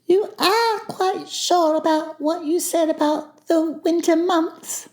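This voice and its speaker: A man's voice: extremely high pitch, steady tone, takes it slowly, darkish tone, pitched above the performer's own voice. A man voicing a very small, timid piglet, hesitant and worried, in a dramatized storybook. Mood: anxious, hesitant.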